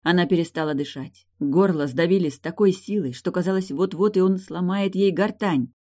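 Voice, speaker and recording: A woman reading a novel aloud as an audiobook narrator, steady and even. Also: fairly low pitch, a little fast. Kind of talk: scripted narration.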